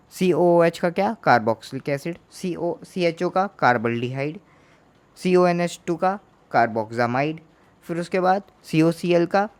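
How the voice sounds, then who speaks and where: A man teaching a chemistry lesson in Hindi, asking questions and answering them himself, repeating each term to drill it in. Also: a little high. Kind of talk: Hindi classroom lecture.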